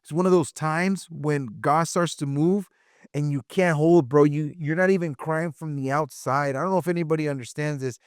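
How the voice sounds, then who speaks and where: A man's voice: on the high side, steady tone, moderate pace, clear, resonant tone, no echo, studio quality. A man, co-hosting a podcast and sharing a personal testimony in an emotional way, repeating phrases and saying "bro" often. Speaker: podcast co-host. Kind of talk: casual chat, personal testimony.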